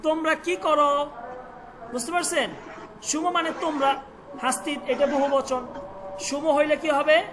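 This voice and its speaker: A Persian teacher who repeats words slowly for pronunciation and quizzes the students. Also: high voice, steady tone, background noise. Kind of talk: online language lesson.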